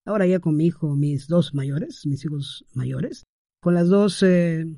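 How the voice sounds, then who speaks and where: A man's voice: fairly high pitch, measured pace, creaky, warm tone, no room sound, studio quality. A middle-aged man hosting a podcast, talking in a casual, conversational monologue with frequent fillers and tag questions. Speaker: podcast host.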